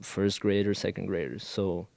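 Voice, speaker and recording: A man's voice: low voice, steady tone, moderate pace, vocal fry, darkish tone, no room sound. A man in his twenties from Colombia, a Spanish speaker using English as a second language, speaking as a guest in a casual interview and hesitating often with fillers and restarts. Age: 20s. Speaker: guest, college student.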